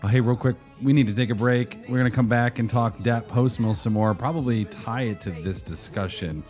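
A man's voice: mid-range voice, brisk, darkish tone, faint music behind. A man hosting a podcast in a casual, upbeat way, wrapping up a segment before a break. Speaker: podcast host.

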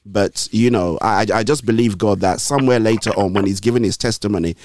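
In a studio gospel interview, the male radio host keeps restarting his sentences while cheering his guest on in a preachy manner. He talks a bit fast in a fairly low, slightly mellow voice, and the sound has no echo.

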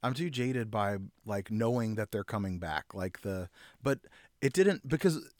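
A man co-hosting a podcast in casual chat, earnest and halting, restarting his sentences often. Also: on the low side, expressive, darkish tone, no room sound, clean studio sound. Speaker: podcast co-host.

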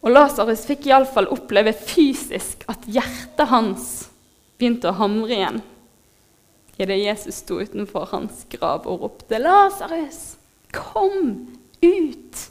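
A woman preaching a sermon in a heartfelt, moved way, pausing with fillers as she speaks. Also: mid-range voice. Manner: heartfelt, moved, laughs softly, pauses with fillers.

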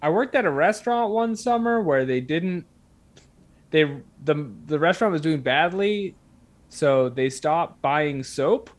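A man's voice: a little high, animated, measured pace. A man chatting casually and comically, telling rambling anecdotes as a guest. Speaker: guest telling stories of odd jobs.

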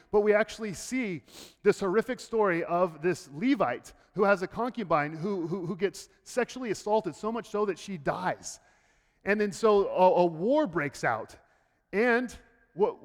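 A man preaching a sermon as pastor, swinging between loud, high bursts and hushed low passages, often repeating words as he starts a thought. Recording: long hall reverb.

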